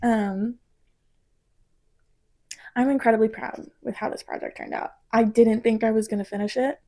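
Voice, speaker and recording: A woman in her twenties, a design student from Missouri, talking about her project in a reflective vlog, halting and emotional at times. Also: on the high side, fairly even intonation, dark tone.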